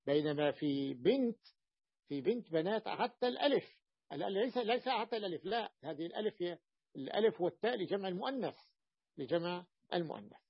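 A man's voice: sits high, lively intonation, fast talker, slightly rough, no room sound. A male teacher explaining a grammar text to his students, repeating terms and often asking the class questions. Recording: dull lo-fi dry recording.

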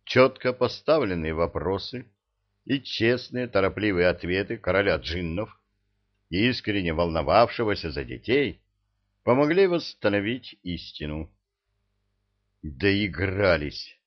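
Male audiobook narrator, lowish voice, slow pace, expressive, muffled lo-fi recording. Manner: expressive storytelling. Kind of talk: scripted narration.

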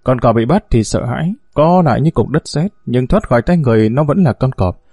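A man's voice: medium pitch, expressive, brisk, dark tone, husky, no echo, studio quality. Man doing a scornful female gang boss. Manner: sneering, swaggering talk.

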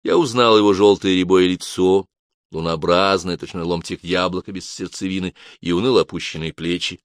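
A man narrating a first-person audiobook in a measured, even storytelling manner. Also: low-pitched, dry recording, clean studio sound.

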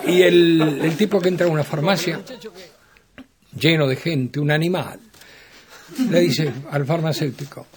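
A man with an Argentine accent telling dirty jokes in a lively storytelling way. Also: a little high, measured pace, pauses often, a crowd in the background. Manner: lively storytelling, laughing at his own jokes. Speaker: joke teller.

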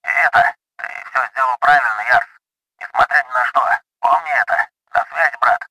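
A male narrator voicing an anxious, loyal young friend who speaks urgently and in a hushed, streetwise way over a phone-like filter in an audiobook. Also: medium pitch, normal speed, gravelly, no echo, pitched above the performer's own voice. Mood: solemn. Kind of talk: audiobook character voice.

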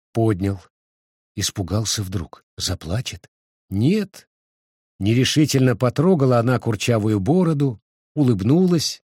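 Man reading a story slowly, husky voice, dry sound. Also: fairly low pitch, a little mellow, no echo. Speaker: reader. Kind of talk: reading fiction aloud.

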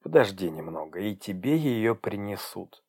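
A man doing a calm, soothing woman doctor. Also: on the low side, moderate pace, gravelly, breathy edge, dry recording, studio quality, exaggerated voice. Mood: reassuring. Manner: soothing, reassuring. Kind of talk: audiobook character reading.

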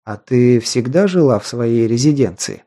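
A man's voice: medium pitch, expressive, normal speed, mellow, lightly acted. A man reading an audiobook, voicing a wry, teasing young male hero in close to his own voice.

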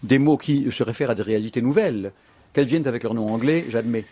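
A man's voice: medium pitch, quick pace, dark tone, dry recording. A man answering interview questions as a language expert, explaining things fluently and giving firm opinions.

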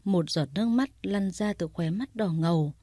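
Woman narrator, low voice, dark husky tone, dry close sound, steady storytelling. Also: moderate pace, no echo.

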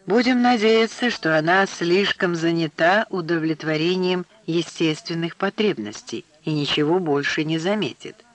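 A man's voice: fairly high pitch, moderate pace, hardly any pauses, a bit bright, no echo, close to an everyday voice. A male narrator voicing a tense, tired father in an audiobook, curt and short on patience. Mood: strained. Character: tense, weary father on a beach trip.

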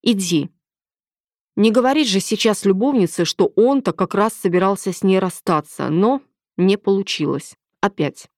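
A woman narrating an audiobook in a steady, even reading voice. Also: mid-range voice, normal speed, no echo, studio quality.

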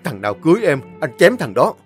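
A man's voice: on the high side, very animated, fast, soft background music, pitched above the performer's own voice. A man voicing a drunk, insistent ex-husband. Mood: pushy. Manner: insistent, pleading.

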